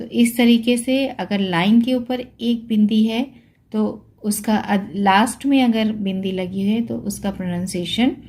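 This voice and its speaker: A woman gives a Sanskrit lesson in a slow, unhurried voice with a dark, mellow tone. She sounds each word out carefully and asks little questions before answering them herself. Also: medium pitch. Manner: slow, patient, sounds out words syllable by syllable. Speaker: Sanskrit teacher. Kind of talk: spoken pronunciation lesson.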